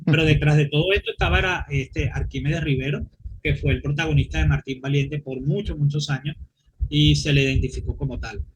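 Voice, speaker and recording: A man from Maracay, Venezuela, with a Venezuelan accent, appears as a guest comics historian in an informal interview. His fairly high voice is brisk with fairly even intonation, and he's detailed but often searches for the right words, on a very noisy recording.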